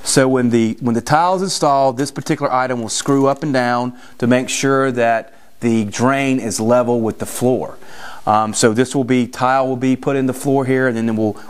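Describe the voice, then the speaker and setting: Clear-voiced contractor man explaining on site. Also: medium pitch. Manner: casual, explanatory, frequent restarts and fillers. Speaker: general contractor. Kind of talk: on-site construction walkthrough. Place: unfinished house interior with bare stud walls.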